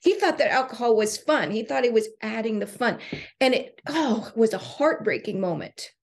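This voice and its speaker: A woman co-hosting a podcast in casual chat, telling stories with animated delivery and frequent laughter. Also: on the high side, moderate pace, creaky. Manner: storytelling, animated, laughs often. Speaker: podcast co-host and coach.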